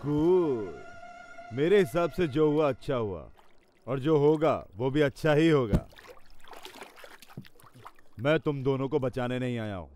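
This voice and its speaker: A man's voice: medium pitch, a little slow, pauses often, warm tone, a little hiss or hum, close to an everyday voice. A man acting in a dubbed film as a vengeful, self-assured mimicry artist who taunts and speaks bitterly of love. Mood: smug menace. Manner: menacing, self-assured, theatrical monologue.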